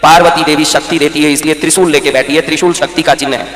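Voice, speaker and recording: A commanding male preacher delivers a sermon to a gathered crowd, his voice pitched high and ringing bright. He keeps testing the listeners with questions. The sound carries a long, echoing hall reverb. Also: fairly even intonation, quick pace. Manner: rhetorical questions to the audience, commanding. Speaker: spiritual preacher. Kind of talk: sermon to a live audience.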